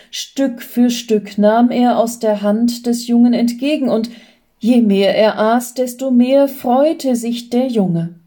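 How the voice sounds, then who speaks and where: A woman reading a Christmas story aloud in a calm, gentle way. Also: fairly high pitch.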